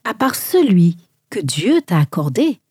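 Woman doing a quiet calm jesus, slow and breathy, dry close sound. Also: on the low side, dry recording, exaggerated voice.

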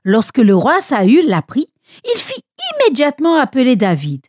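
A woman narrating a children's story with an expressive, dramatic reading. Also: high-pitched, moderate pace, no room sound, studio quality.

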